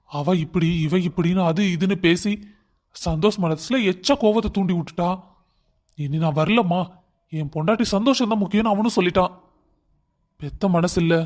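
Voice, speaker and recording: A man's voice: high voice, darkish tone. A man playing a stern scolding father. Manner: scolding, lecturing. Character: stern older father, angry at his wife.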